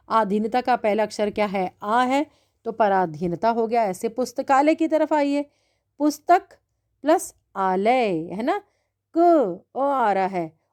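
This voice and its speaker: Slow, patient woman teaching children. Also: on the high side, a little mellow. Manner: slow, drawn-out explaining with constant "है ना" checks. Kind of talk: Hindi grammar lesson for children. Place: online class recording.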